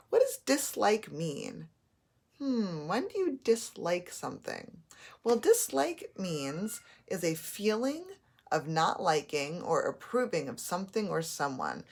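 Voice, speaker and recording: Woman teacher going slow thru phonics, lowish voice, sounds out each letter. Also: slightly rough. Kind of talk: phonics lesson.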